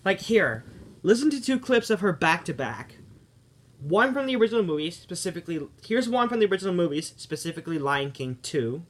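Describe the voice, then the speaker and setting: A man's voice: high voice, sing-song, a little fast. A man giving a casual spoken review of a cartoon series, rambling and often stopping to correct himself. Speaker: video reviewer.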